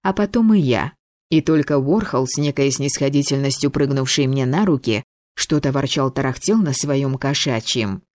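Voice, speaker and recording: A woman narrating a first-person fantasy audiobook in a lively, wry storytelling manner. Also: a bass voice, normal speed, no room sound, studio quality.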